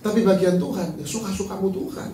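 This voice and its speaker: A man preaching a sermon as pastor, animated and joking, then dropping to soft, tearful tones. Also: high voice, fast, a little hiss or hum. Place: large church hall. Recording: echoey church hall from far off.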